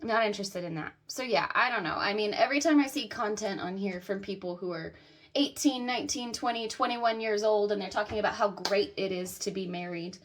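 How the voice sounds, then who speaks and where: A woman's voice: mid-range voice, fairly quick. A woman in her thirties from the American South, talking bluntly to camera about her own life and swearing freely. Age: 30s. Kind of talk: candid personal monologue to camera.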